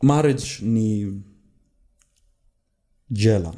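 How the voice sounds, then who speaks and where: A man's voice: fairly low pitch, very slow, warm tone. A man with a Kenyan accent, a podcast guest trading teasing one-liners in casual chat. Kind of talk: casual chat mixing Swahili and English.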